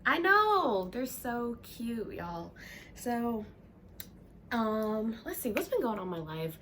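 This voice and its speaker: Recorded in a room at home, this YouTuber reads Reddit stories in a casual vlog style, full of ums and y'alls. Her young Southern voice sounds congested and a little high, a bit bright, slow, with big swings in pitch, and there's a slight hiss or hum.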